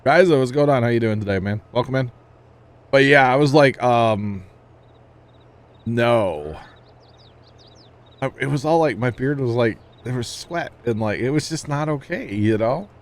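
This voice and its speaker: A man streaming a game chats easily with viewers, telling jokey, roundabout stories and chuckling often. He has a mid-range, animated voice and a measured pace broken by long pauses.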